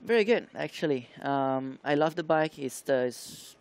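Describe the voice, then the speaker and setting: A young man from Taiwan with a smooth, resonant voice answers questions in a studio interview. He speaks haltingly, with plenty of "um" and "uh" as he searches for the right words. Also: a little high, lively intonation. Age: young adult. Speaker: motocross rider guest.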